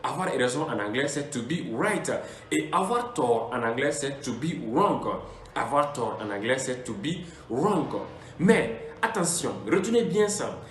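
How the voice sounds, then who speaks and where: A man teaching an English lesson in French, explaining each phrase and repeating the example words slowly and deliberately. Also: medium pitch, expressive, echoey room, slight background noise.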